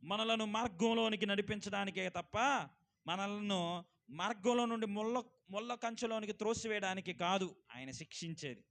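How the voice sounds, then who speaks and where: A male pastor preaching a sermon, swinging from loud exclamations to quiet asides and asking the congregation questions. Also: high-pitched, moderate pace, gravelly. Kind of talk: Telugu church sermon.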